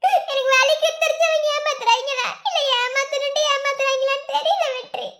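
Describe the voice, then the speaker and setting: A woman voicing a squeaky tearful young wife. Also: fairly even intonation, normal speed, pushed and bright. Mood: hurt. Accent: Madurai Tamil. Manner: pleading, sobbing between words. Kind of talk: cartoon voice acting. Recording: cartoon dialogue over background music.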